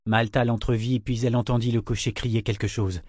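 Male audiobook reader, measured, mid-pitched, dry studio sound. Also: level tone, a little mellow, no echo. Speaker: audiobook narrator. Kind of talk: scripted fantasy narration.

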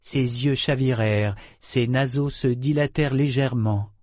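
A man reading a novel aloud as an audiobook narrator, in a measured, even storytelling manner. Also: medium pitch, no echo, clean studio sound. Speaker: audiobook reader. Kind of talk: scripted narration.

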